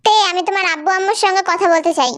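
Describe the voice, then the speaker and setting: A woman's voice: very high-pitched, very noisy. A woman doing a comedic fan dub, voicing several characters, scolding and exclaiming. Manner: scolding, exclaiming, quick to laugh.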